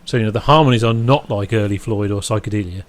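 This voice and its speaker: A man's voice: on the low side, quick pace. A man chatting casually as a podcast co-host, rambling and interrupting himself, with dry chuckles. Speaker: podcast co-host reviewing an album. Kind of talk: casual chat.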